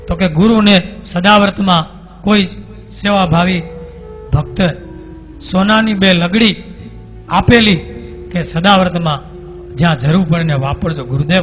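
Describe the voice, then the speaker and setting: A man's voice: on the high side, a bit bright. A man with a Gujarati accent preaching a devotional story sermon, acting out the characters' dialogue as he tells it. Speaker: swami preacher.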